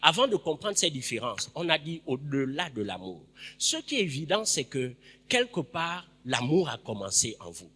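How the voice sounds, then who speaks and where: A man preaching a sermon in a church, emphatic, repeating his phrases and breaking into sudden loud bursts. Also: on the high side, long reverb tail.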